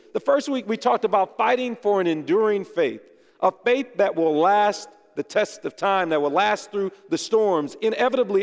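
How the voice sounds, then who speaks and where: In a church sanctuary, a high-voiced pastor gives a sermon in a relaxed, conversational way, sounding at ease at the pulpit and teasing the congregation now and then. The hall adds a long, ringing reverb to his voice.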